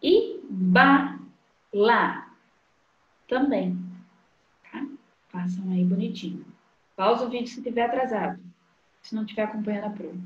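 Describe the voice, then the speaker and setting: Woman teacher, slow sing-song explaining, dull echoey recording. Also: medium pitch. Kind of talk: recorded literacy lesson for young children. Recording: dull, echoey room sound.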